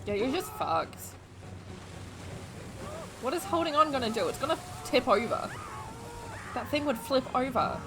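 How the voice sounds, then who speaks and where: A woman's voice: high voice, very animated, a little slow, pauses often, noisy background. A young Australian woman giving chatty movie reaction commentary, exclaiming at the screen and laughing often. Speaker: YouTube vlogger. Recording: film audio and music behind.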